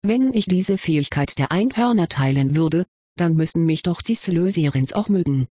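A reader voicing a brooding young schoolboy wizard who speaks quietly and warily, in an audiobook reading. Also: medium pitch, lively intonation, moderate pace, slightly rough, no room sound, clean studio sound. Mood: guarded.

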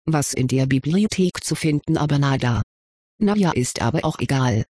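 A reader voicing a quiet, serious young wizard boy who hides his fear, in an audiobook. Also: medium pitch, lively intonation, normal speed, husky, dry recording, clean studio sound. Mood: subdued. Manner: subdued, hiding his fear. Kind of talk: audiobook reading.

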